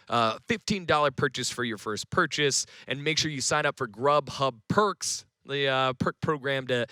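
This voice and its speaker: A man's voice: mid-range voice, pushed and bright, clean tone, no room sound. A young man casting an esports broadcast, talking playfully and joking with his co-caster during a sponsor segment. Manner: playful, quick to joke. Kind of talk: esports commentary and sponsor read.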